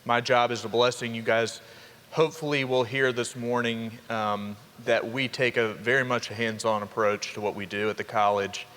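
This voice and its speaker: A young man, a college dean of students giving an upbeat orientation welcome to students and parents, with quick asides to the crowd. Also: mid-range voice, steady tone, fairly bright tone. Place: large hall. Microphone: handheld microphone. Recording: reverberant hall with faint ambience.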